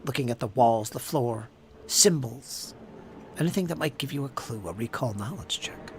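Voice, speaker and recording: A man running a tabletop game as game master, narrating scenes in a deliberate, descriptive way with a shifting pace. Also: medium pitch, lively intonation, background noise.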